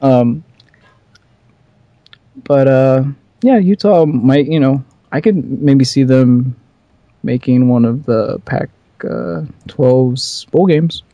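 A man's voice: medium pitch, takes it slowly, no room sound, highs cut off. A man co-hosting a casual sports talk show, giving easygoing football picks with some hesitant fillers. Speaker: sports podcast co-host.

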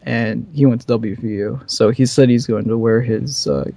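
A man's voice: mid-range voice, steady tone, normal speed, vocal fry, dark tone, no room sound. A man co-hosting a casual sports talk show, giving easygoing football picks with some hesitant fillers. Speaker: sports podcast co-host.

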